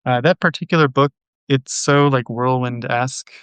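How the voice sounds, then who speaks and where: A man hosting a poetry channel, reading poems slowly and measuredly, then talking them through in a halting, thinking-aloud way full of fillers. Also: medium pitch, steady tone, a bit bright, clear, resonant tone, no room sound. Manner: measured, unhurried poem reading. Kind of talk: poetry reading and casual discussion.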